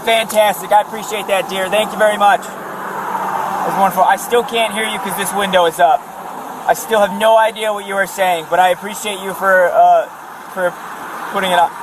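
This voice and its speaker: A man's voice: high-pitched, flat delivery, brisk. A male police officer on body cam audio at a roadside traffic stop, speaking with patronizing politeness. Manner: patronizing politeness, calling driver "dear". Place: outdoors at a roadside.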